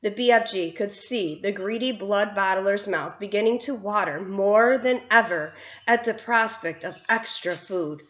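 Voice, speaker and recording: A woman's voice: medium pitch, measured pace. A woman teacher reads a children's novel aloud, telling it expressively. Her voice sits mid-range and sounds roomy and slightly dull, as in a lo-fi home recording. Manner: expressive storytelling.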